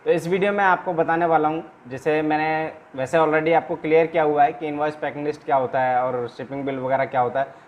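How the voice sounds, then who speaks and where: A man with a fairly high voice, recorded with dull audio, teaches informally in an instructional video. As trainer and channel host, he walks through paperwork step by step, often repeating himself and adding little check-in tags, with clear background noise and room ambience.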